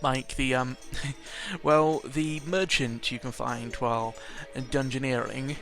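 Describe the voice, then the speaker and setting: A video game vlogger records a casual, jokey audio log, rambling and cutting himself off with exaggerated emphasis. His medium-pitched voice is steady and a bit bright, moving at a slow pace, while game music plays clearly behind him.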